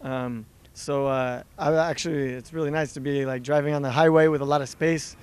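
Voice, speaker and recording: Easygoing man with a smooth voice. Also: a little high, fairly even intonation, normal speed. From Los Angeles, California. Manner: easygoing, chatty, laughs often. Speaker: soccer player. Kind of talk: casual interview chat. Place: outdoors by a river.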